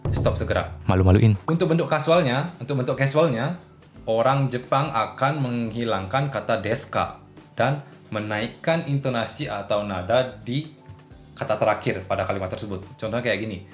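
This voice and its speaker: A young man casually teaching a language lesson, chatty and patient, working through spoken examples. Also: medium pitch. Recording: roomy echo with faint music.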